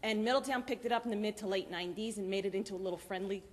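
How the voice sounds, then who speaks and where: A woman giving lively, chatty announcements to a church congregation, laughing often. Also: mid-range voice, rapid-fire. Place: church sanctuary. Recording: long church reverb.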